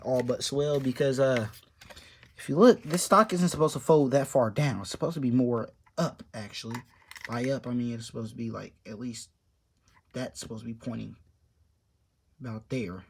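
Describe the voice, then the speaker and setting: In a relaxed show-and-tell vlog, a young man chats loosely about his papercraft project, letting sentences trail off. His voice is mid-range, with a little hiss or hum in the recording.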